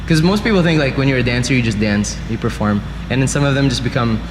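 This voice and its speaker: A man in his thirties from the Philippines, a dancer and teacher chatting casually as an interview guest, relaxed and full of fillers. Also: medium pitch, fast talker. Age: 30s. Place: university room. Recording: echoey room, loud background noise.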